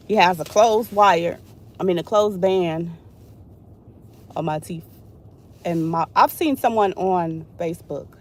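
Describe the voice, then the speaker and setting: Young woman, blunt and fed-up, cursing as she vents to camera from a car with road noise behind. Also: on the low side. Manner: frustrated, blunt, swears freely. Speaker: vlogger. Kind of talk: casual venting vlog.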